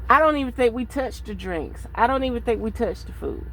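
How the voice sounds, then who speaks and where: A woman's voice: a little high, brisk, fairly bright tone, slight background noise, low-quality recording. A woman in her thirties talking bluntly and profanely in a rambling casual vlog monologue. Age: 30s. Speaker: vlogger.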